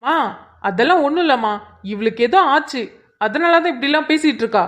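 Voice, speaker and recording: A woman voicing a hot-tempered young husband in a cartoon drama, scolding and sharp. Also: high voice, lively intonation, a little fast. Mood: worried. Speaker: cartoon character voice.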